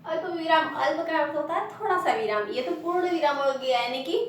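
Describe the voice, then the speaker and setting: A woman teacher with a Rajasthani Hindi accent, giving a classroom lesson, explaining slowly and repeating example sentences with stress. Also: sits high, expressive, distant mic. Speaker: primary school teacher. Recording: very echoey room, voice off-mic.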